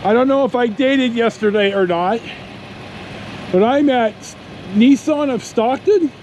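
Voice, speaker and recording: A male vlogger with a notably high, darkish voice tells a loose, rambling story in plain, mildly profane language. He records on the go, inside a moving car and outside on a car lot, so traffic, engine and road noise come through clearly.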